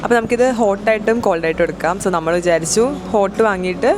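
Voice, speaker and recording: Talking very fast over music, this Malayali travel vlogger with a mid-range voice mixes Malayalam and English in casual narration for viewers. Scenes include busy city streets and a cafe, and loud outdoor traffic sounds behind.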